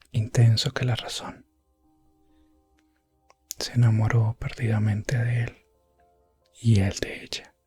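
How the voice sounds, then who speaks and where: Here a medium-pitched man plays an elf prince adventurer, telling the tale of his rescue quest as ASMR fantasy storytelling. The delivery stays breathy and hushed, frequently whispered, gentle and solemn, with weighty pauses.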